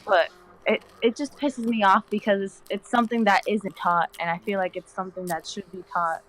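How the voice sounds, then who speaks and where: A woman's voice: medium pitch, steady tone, fairly quick, a bit bright, poor audio. A nineteen-year-old woman from the Dominican Republic, chatting as a guest on a live stream in a slangy, rambling way full of "like". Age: young adult, 19. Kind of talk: casual chat on a live stream.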